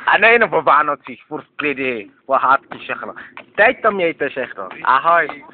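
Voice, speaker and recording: A man's voice: on the high side, very animated. A man, rambling in slangy street talk and tossing in "more", being interviewed outdoors at night on a handheld camera. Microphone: handheld camera mic. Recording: lo-fi noisy handheld camera audio.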